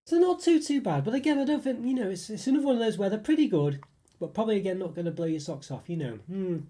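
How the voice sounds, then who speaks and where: His voice is high, mellow and fast, with lively intonation. He's a YouTube food reviewer from the United Kingdom with a cold-clogged voice, rambling and hedging through a casual snack live stream packed with fillers.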